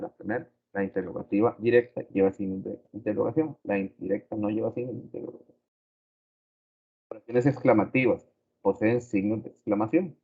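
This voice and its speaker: A man teaching a grammar lesson slowly and deliberately, repeating his examples. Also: lowish voice, gravelly, husky. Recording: tinny phone-like recording.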